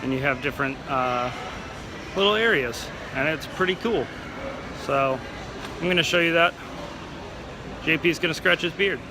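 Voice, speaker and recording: Casual male vlogger over loud background noise. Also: a little high, moderate pace, long pauses. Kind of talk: casual walk-around vlog commentary. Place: inside a large shopping mall. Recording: loud air-conditioning and ambient noise.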